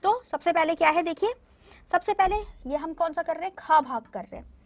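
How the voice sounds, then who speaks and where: High-voiced woman teaching young children. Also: expressive, moderate pace. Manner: patient, explains step by step, often checks with "theek hai na". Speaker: primary school Hindi teacher. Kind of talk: recorded classroom lesson addressing children.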